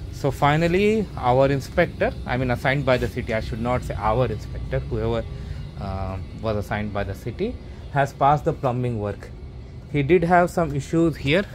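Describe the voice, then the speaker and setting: A man of ordinary pitch talks through a first-person walkthrough of his half-finished basement. He rambles and circles back, full of fillers and restarts, as he points things out. The camera is held in hand, with faint background noise. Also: a little mellow. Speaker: homeowner vlogger. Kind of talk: casual walkthrough narration. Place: unfinished basement, later outdoors in a stairwell. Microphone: handheld or body camera, first-person view.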